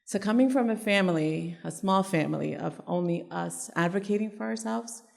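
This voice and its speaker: A woman's voice: medium pitch, moderate pace, creaky. A woman from Ecuador sharing her own story in a live group discussion, candid and emphatic. She is heard in a conference hall with a long reverb. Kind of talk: personal testimony in a group discussion. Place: conference room at a live event.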